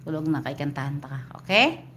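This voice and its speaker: A woman's voice: low voice, expressive, quick pace, fairly bright tone, a little hiss or hum. A woman with an Ilonggo accent chatting playfully at home and cooing teasing baby talk to her toddler. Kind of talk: casual chat and lullaby singing to a toddler.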